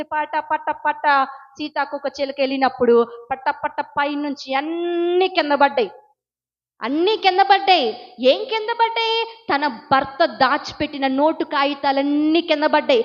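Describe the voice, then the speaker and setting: A woman preacher with a high voice tells a sermon story with great emotion, swinging into high pleading cries and firing questions at the congregation. The recording sounds dull and lo-fi.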